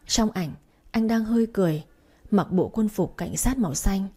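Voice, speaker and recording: A woman's voice: mid-range voice, moderate pace, warm tone, breathy edge. A woman narrating a first-person romance story in a mournful, emotional way, like an audiobook reading.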